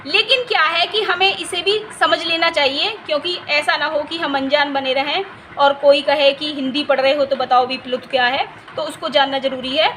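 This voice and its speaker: A woman teaches a Hindi grammar lesson for exam preparation, explaining patiently, repeating key terms and often checking that students understand. She stretches vowels to show length. Her high voice is a bit bright, with fairly even intonation at normal speed and slight background noise.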